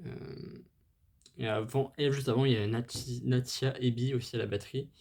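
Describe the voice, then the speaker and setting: At a moderate pace, with a medium, darkish voice and fairly even intonation, a man presents a band's history on his music channel. He's casual and enthusiastic, but hesitant, with lots of fillers and restarts, apologizing when he stumbles over foreign names.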